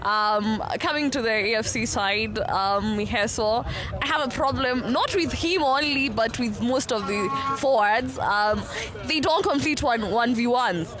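A young woman interviewing a fan after a match, lively and quick to laugh, on a handheld mic outside a stadium. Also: fairly high pitch, crowd noise. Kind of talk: casual post-match chat.

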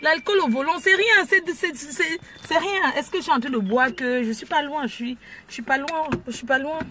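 A woman's voice: high-pitched, moderate pace, sharp tone. A woman vlogging from inside her car at a drive-through, chatting boisterously and mixing French with pidgin English. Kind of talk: casual self-filmed car vlog. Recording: noisy car ambience. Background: car and engine noise.

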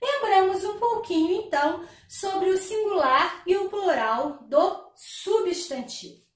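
A woman's voice: very high voice, animated, takes it slowly, distant mic. A woman teaching a grammar lesson, explaining step by step and asking the class rhetorical questions. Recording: echoey room, voice a bit off-mic.

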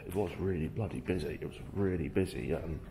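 A man's voice: low voice, brisk, gravelly, mellow. A man vlogging as he walks through an abandoned print works, chatting casually to his friend and swearing freely. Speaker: urban explorer vlogger. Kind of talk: casual walk-and-talk narration. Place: large empty abandoned print works indoors. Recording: echoey warehouse with background noise.

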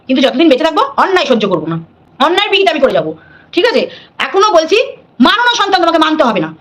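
A woman's voice: high voice, sing-song, very fast, fairly bright tone. A middle-aged woman, hosting a live stream, scolding and defiant, repeating her points.

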